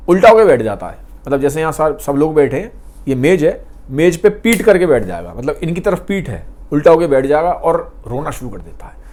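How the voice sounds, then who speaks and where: A man retelling a novel in a casual, conversational and expressive way, slipping English words into his talk. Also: fairly high pitch. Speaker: book storyteller.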